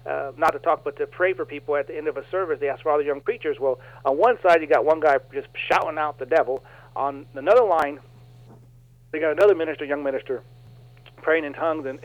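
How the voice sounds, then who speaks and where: A man, a minister, telling stories in a casual radio interview, animated and folksy, laughing often. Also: a little high, fairly quick, no room sound. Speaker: minister and guest. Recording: dull lo-fi radio sound.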